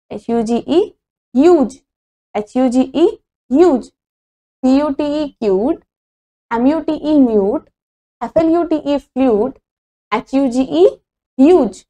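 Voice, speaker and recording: A woman's voice: high-pitched, warm tone. A woman teacher, walking through a phonics lesson and spelling out each word letter by letter before saying it whole. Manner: spells words letter by letter, then says them; mixes Hindi and English explanations.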